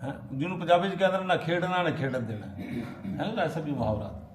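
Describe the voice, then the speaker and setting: Echoey mosque preacher reciting and explaining verses. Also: male voice, on the high side, animated, quick pace. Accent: Pakistani Urdu. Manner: recites Arabic verses then explains, asks the audience questions. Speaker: maulana giving Quran lesson. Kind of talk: mosque sermon, Quran commentary. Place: mosque hall. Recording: echoey mosque hall, faint noise.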